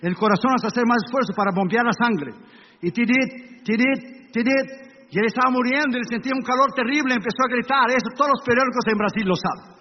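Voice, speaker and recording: High-voiced preacher in an echoey hall. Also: male voice, fast. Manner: emphatic, dramatic storytelling, mimics sounds. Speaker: pastor. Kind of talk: sermon. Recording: echoey hall, dull lo-fi sound, faint hiss.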